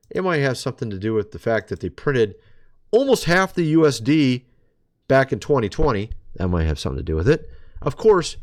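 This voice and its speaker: Sarcastic man with a lively voice. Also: medium pitch. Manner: sarcastic, chatty, keeps addressing listeners as folks. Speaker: vlogger. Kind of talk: casual commentary monologue.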